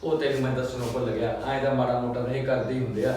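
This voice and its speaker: A man's voice: mid-range voice, little pitch movement, very fast, darkish tone, a little hiss or hum, close to an everyday voice. An actor playing an easygoing young farmer husband who chats offhandedly with his wife. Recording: echoey room, distant mic.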